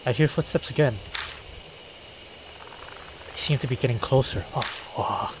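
A man playing through a game, reading its text aloud and reacting excitedly, swearing often. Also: mid-range voice, moderate pace, noisy background. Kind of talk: playthrough narration with reactions.

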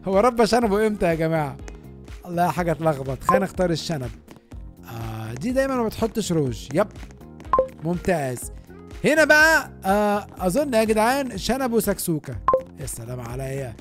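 A man with an Egyptian Arabic accent giving chatty, excitable gaming commentary, talking straight to his viewers. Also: high-pitched. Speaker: gaming YouTuber.

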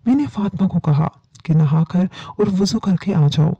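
Brief: woman storyteller, calm earnest horror narration, very dark mellow tone, dull lo-fi recording. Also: on the low side, slightly rough, dry recording.

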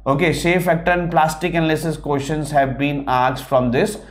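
High-pitched North Indian man lecturing. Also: level tone, normal speed. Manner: repeatedly addresses listeners as guys, emphatic repetition. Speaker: exam-prep teacher. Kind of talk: classroom lecture to camera. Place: indoor teaching studio at a large screen. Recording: roomy, echoing studio classroom.

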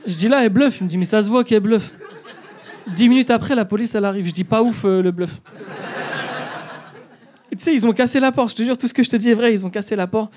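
A man's voice: high-pitched, a little mellow. A young man doing stand-up in a comedy club, telling a story and acting out both sides of the dialogue.

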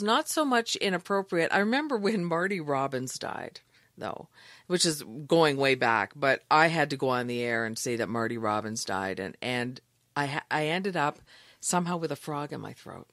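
A middle-aged woman, a radio news anchor, speaks in a somewhat low voice. She tells her stories in an animated way and laughs often. The sound is close and dry, with no room around it. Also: moderate pace, no echo. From Canada. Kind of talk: casual interview storytelling.

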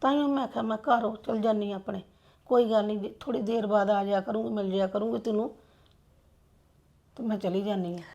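A woman playing a gentle older mother in a family drama, consoling and pleading softly. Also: medium pitch, fairly even intonation, fast, close to an everyday voice. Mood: gentle, hurt. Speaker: mother-in-law character.

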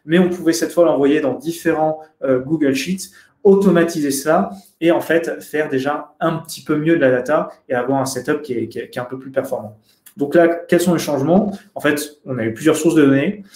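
A man's voice: fairly high pitch, a little mellow. A young man giving a webinar talk over slides on a video call, hesitant, with many fillers and restarts. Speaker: conference speaker. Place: indoor room. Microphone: webcam video call. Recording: roomy webcam audio.

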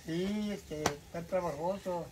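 A man's voice: high-pitched, takes it slowly, background noise. An older man, bantering with his son and mumbling, saying he can hardly speak. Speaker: vlogger's father. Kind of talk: casual banter.

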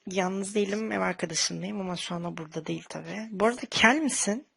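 A flirty prank caller talks over the phone in a husky, bright voice full of creak. The delivery is coy and hesitant, with stretched-out phrases. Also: medium pitch, fast, dry recording. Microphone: telephone prank call setup.

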